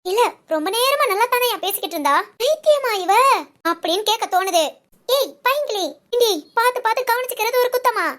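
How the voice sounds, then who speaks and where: A woman's voice: very high voice, animated, a little fast, a bit bright. A woman voicing a teasing, exasperated young female best friend in a cartoon. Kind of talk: cartoon voice acting.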